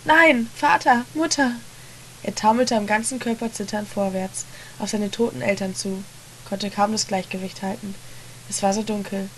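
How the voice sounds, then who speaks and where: A woman reading a story aloud in a hushed, dramatic narration. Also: medium pitch, flat delivery, moderate pace, a little hiss or hum. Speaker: reader.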